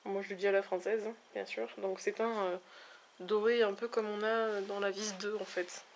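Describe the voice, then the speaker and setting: Recording at home near a backlit window, a beauty vlogger swatches eyeshadows and chats casually in a medium-pitched voice that barely rises or falls. Her talk is hesitant and full of small fillers, with faint noise in the background.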